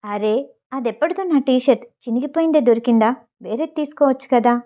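A woman voicing a playful young man who teases and gets easily shocked, speaking a bit lower and softer than her narration. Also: fairly quick. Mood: teasing. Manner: teasing, exasperated.

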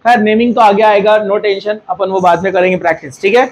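A man's voice: high-pitched, fairly quick, poor audio. A man teaching a chemistry class in Hindi. He quizzes the students, scolds them and jokes with them. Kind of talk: classroom lecture.

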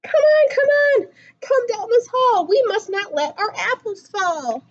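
High-pitched, animated young woman reading aloud. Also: measured pace, lo-fi sound. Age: young adult. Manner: animated, singsong rhyming delivery. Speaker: children's story reader. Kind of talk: expressive picture book read-aloud.

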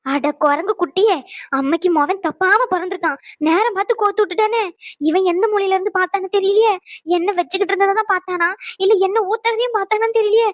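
A woman's voice: very high-pitched, no echo. A woman voicing a scheming elderly grandmother in a cartoon, wheedling and playing the victim, recorded dry. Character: scheming elderly grandmother, crafty and self-pitying. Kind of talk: cartoon voice acting.

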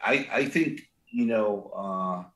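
A man's voice: fairly low pitch, takes it slowly, pushed and bright, reverberant. An older man, a restaurant co-founder, talks in a rambling way with many fillers and restarts and a big voice. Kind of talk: casual interview talk.

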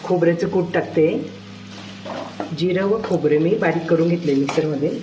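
A woman host giving calm, homely step-by-step cooking narration. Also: fairly low pitch, moderate pace, roomy sound, background noise. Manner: calm, homely, repeats 'chhan' and 'mast'.

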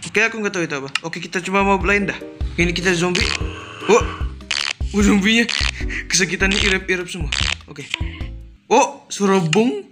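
A young man from Indonesia giving casual, excitable gameplay commentary for his channel, chatty and quick to exclaim. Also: high-pitched. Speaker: gaming YouTuber. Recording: game music loud behind voice. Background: game music and sound effects.

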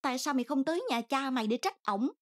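A woman's voice: high voice, expressive, fast, pitched above the performer's own voice. Storybook mother, middle-aged, aggrieved and complaining, read by a female narrator. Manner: complaining, self-pitying.

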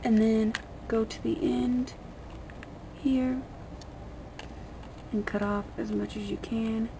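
Slow and steady, a vlogger with a creaky, fairly high voice rambles through a hands-on how-to in colloquial, slightly crude language. The setting is a table in a small, dim indoor room. A camera mic aimed at her hands produces a noisy homemade recording.

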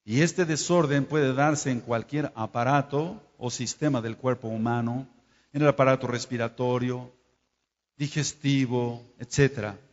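Delivering a Torah study sermon at a measured pace, this man has a mid-range voice and fairly even intonation. He rebukes and addresses his audience directly, breaking off to spell and explain Hebrew words. It's recorded with dull, lo-fi sound in an echoing hall.

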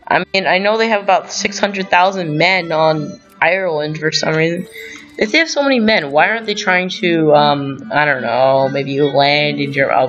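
A man's voice: a little high, a bit bright. Man, strategy game commentary, rambling and thinking aloud, dull lo-fi sound, faint music behind. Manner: rambling, thinks aloud with fillers and self-corrections. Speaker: gaming channel host.

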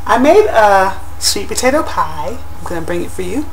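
A woman's voice: mid-range voice, very animated, normal speed, background noise. A young woman in her home kitchen, chatting upbeat to a webcam about a pie crust shield. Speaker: vlogger. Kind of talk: casual product review vlog. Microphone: built-in webcam mic, close to the camera.

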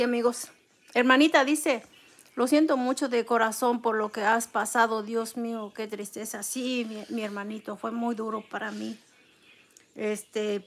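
A middle-aged woman hosts a casual livestream. She reads viewers' names and comments aloud and answers them in a gentle, consoling way. Her voice is gravelly and sits a little high. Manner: eats soup between comments. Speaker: livestream host. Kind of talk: casual live chat reading comments.

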